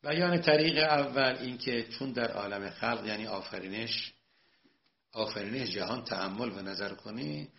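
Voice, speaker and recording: A male cleric giving a religious lecture, moving between quiet storytelling and loud, emphatic preaching. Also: mid-range voice, creaky. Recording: dull lo-fi recording.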